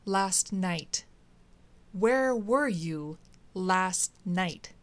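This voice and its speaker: A woman's voice: mid-range voice, a little slow, close to an everyday voice. A woman voicing an agitated, stern man who keeps demanding answers in a read-aloud story. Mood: upset, demanding. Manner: demanding, upset questioning.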